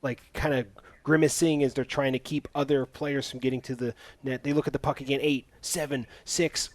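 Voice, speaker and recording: A man's voice: medium pitch, level tone, brisk, dry recording. A man hosting a casual podcast, recapping a movie's plot with sarcastic asides. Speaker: podcast host. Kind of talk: casual movie review chat.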